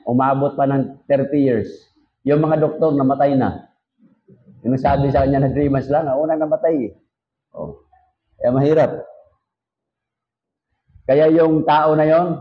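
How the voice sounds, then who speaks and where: A man's voice: mid-range voice, lo-fi sound. A male pastor with a Filipino accent, teaching his congregation in a conversational, joking way full of rhetorical questions. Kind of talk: sermon-style teaching to a congregation.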